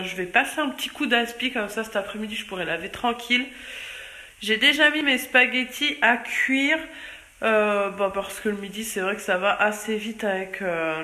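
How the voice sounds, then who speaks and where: A woman's voice: medium pitch, bright, forceful tone, roomy sound. A young woman, a mother, chatting casually in a home vlog and recording on her phone, with lots of fillers and restarts. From France. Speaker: family vlogger. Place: home kitchen. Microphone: handheld phone camera.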